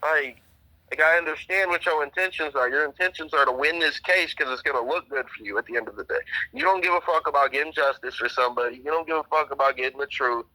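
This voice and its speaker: A man's voice: a little high, fast, pushed and bright, poor audio. A young man talking casually and profanely over the phone as a trial witness, rambling and quoting what others said to him.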